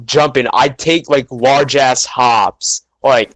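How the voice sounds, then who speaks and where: A man's voice: mid-range voice, fairly even intonation, slow pace, fairly bright tone, no room sound, poor audio. A young man chatting casually on a podcast, rambling with lots of fillers. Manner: rambling, heavy filler words. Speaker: podcast co-host. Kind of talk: casual chat.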